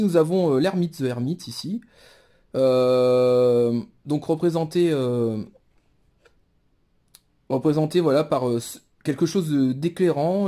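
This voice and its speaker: Hesitant, mellow-voiced man showing tarot cards. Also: mid-range voice. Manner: hesitant, many fillers and restarts, musing. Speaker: tarot deck reviewer. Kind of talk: casual show-and-tell presentation.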